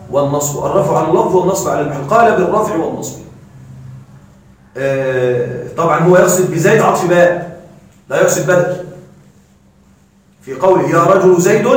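A male grammar teacher giving a classroom lecture, quizzing his students and reciting verses slowly. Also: sits high, a little hiss or hum. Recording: echoey room from a distance.

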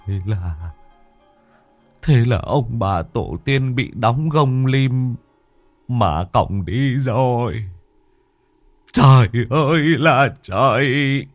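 A man's voice: low voice, big pitch swings, takes it slowly, pauses often, no room sound, faint music behind, exaggerated voice. A man doing a wailing frightened old villager. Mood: wailing grief. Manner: wailing, pleading, despairing. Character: frightened old village husband seeing ghosts.

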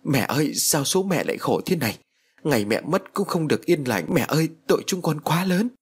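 A man's voice: mid-range voice, big pitch swings, brisk, breathy edge. Guy putting on a sad middle-aged lady crying over her mom in a ghost story. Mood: grieving. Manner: wailing, pleading. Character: grieving middle-aged daughter, wailing woman.

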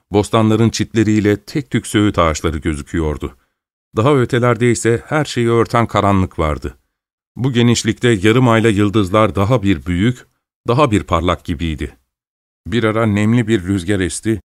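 A man narrates a story in a steady, measured reading voice. His voice sits low, and the recording is dry and close with no room sound. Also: dry recording. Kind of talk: scripted narration.

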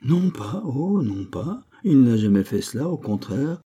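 A man's voice: mid-range voice, very animated, measured pace, mellow, breathy edge, pitched above the performer's own voice. A man voicing a jovial, boastful locksmith near fifty in a read-aloud novel. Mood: insistent. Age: middle-aged. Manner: chatty, boastful, laughing.

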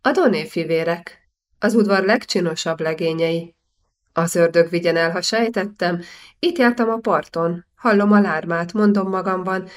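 A huge, hearty nobleman laughs his way through loud, teasing banter in an audiobook reading, as a woman reader puts him on. His voice sits a touch low, and he talks with rough good humor. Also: natural voice. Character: big boisterous nobleman, loud and jovial.

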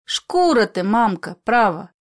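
A woman's voice: medium pitch, very animated, unhurried. A woman voicing a dreamy, curious little bedridden boy who asks eager childish questions. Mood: plaintive.

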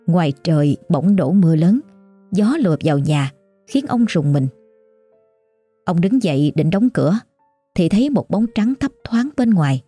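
Low, mellow woman reading a ghost story. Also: dry recording. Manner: measured, somber. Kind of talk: scripted ghost story narration. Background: faint music.

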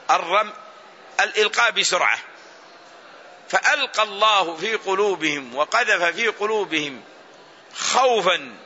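A male scholar teaches a religious lesson in a high, piercingly bright voice. He moves through his explanation deliberately and repeats key phrases so that they sink in. The recording is muffled and lo-fi. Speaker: Islamic scholar teaching Quran exegesis. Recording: dull lo-fi recording.

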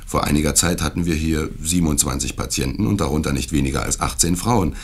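Suave asylum-director host, evasive and insistent, very deep gravelly voice, as a male reader puts him on. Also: quick pace, heavily acted. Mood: smooth. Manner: smooth, insistent, courteous yet brusque when crossed. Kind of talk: dramatic reading of a classic tale.

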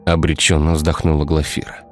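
A man narrating a dark village tale in a scripted storytelling style. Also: a bass voice, completely flat delivery, brisk. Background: faint music.

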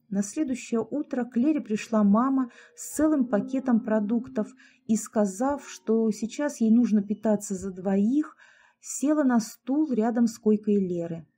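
Calm, mellow woman narrator. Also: on the high side. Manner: calm, measured storytelling. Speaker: audiobook narrator. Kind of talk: scripted narration.

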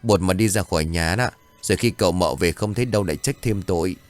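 A man's voice: sits low, fast talker, faint music behind, natural voice. A man voicing an elderly village grandmother who scolds her grandson and cries out for help. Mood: stern. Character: elderly village grandmother, stern then frantic.

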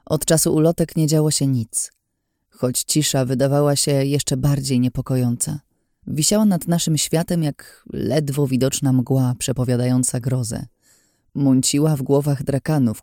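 A man narrating a novel aloud in a steady first-person storytelling manner. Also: mid-range voice, no room sound, studio quality. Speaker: audiobook narrator. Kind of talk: scripted audiobook narration.

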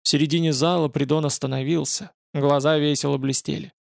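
Male narrator, gravelly and measured, dead-dry studio sound. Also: a little high, flat delivery, no room sound. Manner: measured, dramatic reading. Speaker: audiobook narrator. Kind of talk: scripted narration.

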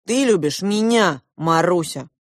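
A woman reading a storybook aloud and voicing a jealous, hot-tempered boy who shouts his retorts. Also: mid-range voice, very animated, unhurried, no room sound, clean studio sound, pitched above the performer's own voice. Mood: defiant.

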